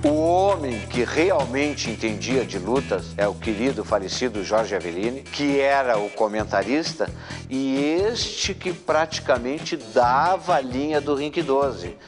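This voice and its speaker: A man looks back on the past in an interview. His voice sits in the middle register. Music is clearly audible behind it. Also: mid-range voice, lively intonation, measured pace. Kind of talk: reminiscing in a documentary interview.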